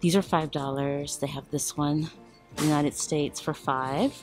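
A woman's voice: deep voice, fairly even intonation, measured pace, faint music behind. A woman casually narrating a shopping walkthrough in a large store, reading out items and prices as she films on her phone. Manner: chatty, reads out prices and labels. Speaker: shopping vlogger. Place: large retail store indoors. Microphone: handheld phone camera.

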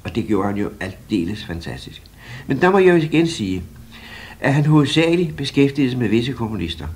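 An older man from Denmark recalls his student days in an interview, spinning lively anecdotes at a moderate pitch. A faint hiss sits under his voice. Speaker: retired pianist interviewee. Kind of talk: reminiscing interview.

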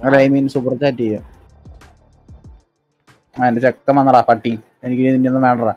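A man's voice: medium pitch, flat delivery, racing, no room sound, faint music behind. A man bantering and teasing his gaming teammate, heard over lo-fi headset voice chat. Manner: teasing, mocking.

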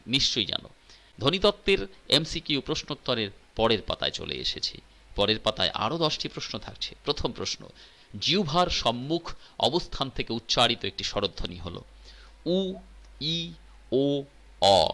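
A man's voice: mid-range voice, pushed and bright. A man teaching a recorded exam-prep lesson in Bengali. He reads out multiple-choice options, asks the listener which is right, then explains the answer.

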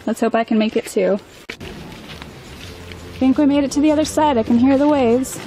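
A woman's voice: high voice, moderate pace, dark tone, rough recording. A young adult woman in casual chat, narrating an island hike as a sailing vlogger. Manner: chatty, light laughs. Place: outdoors on an island trail.

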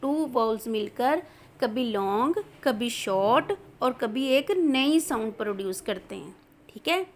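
A woman teacher, slowly explaining a lesson and spelling out words letter by letter. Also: a little high.

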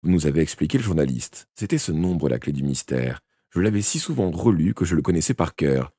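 A man's voice: extremely low pitch, animated, brisk, mellow, slightly rough, dry recording, studio quality. A man reading a detective novel aloud live, narrating expressively in the first person and now and then correcting a slip. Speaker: audiobook reader. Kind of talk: live unedited audiobook reading.

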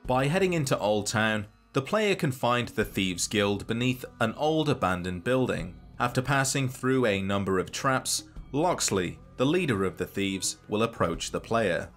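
A man narrating a scripted game video essay in a measured, dry and wry way. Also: lowish voice, lively intonation, a bit bright, faint music behind.

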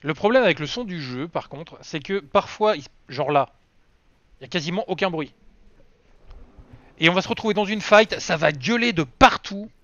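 Streamer, homme, voix haute et nette, parle en vrac, son sec. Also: male voice, sits high, expressive, moderate pace, a bit bright, no echo. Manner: rambling, self-mocking, many fillers. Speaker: game streamer. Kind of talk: casual live-stream chat. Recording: dry, slightly dull lo-fi sound.

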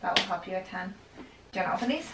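A woman's voice: on the low side, lively intonation, fast talker, background noise. A middle-aged American woman chatting casually as a mother at home in a bedroom. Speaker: mother of the vlogger. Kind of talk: casual family chat.

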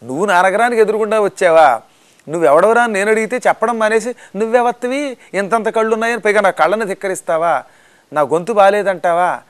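A haughty demoness sentry barks threats at an intruder, voiced by a man telling the tale. Her voice rides high and loud, indignant and commanding, in a storytelling discourse. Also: expressive, unhurried. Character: fierce demoness guarding a city gate, haughty.

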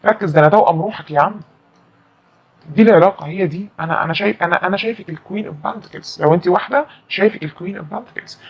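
A woman's voice: lowish voice, quick pace, breathy edge. A woman with an Egyptian Arabic accent giving a chatty, emphatic tarot reading to camera and repeating her phrases. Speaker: tarot reader.

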